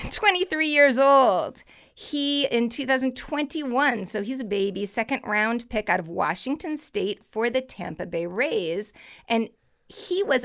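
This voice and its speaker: A woman's voice: medium pitch, creaky, fairly bright tone. A woman co-hosting a podcast, chatting casually about baseball in a rambling, laughing way. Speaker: podcast co-host.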